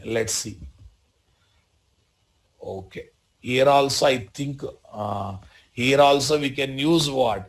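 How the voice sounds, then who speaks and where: A man with a Telugu Indian accent teaches a live software tutorial as an instructor, repeating short phrases and often checking that learners follow. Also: mid-range voice. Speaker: programming instructor.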